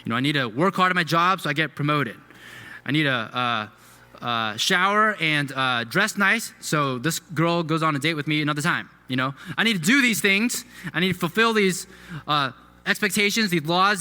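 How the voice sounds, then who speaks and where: A fairly high, bright and forceful male voice preaching a sermon in a church sanctuary. He teaches conversationally, asking rhetorical questions and slipping in fillers. The voice rings with a long reverb from the hall. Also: animated, moderate pace. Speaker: pastor.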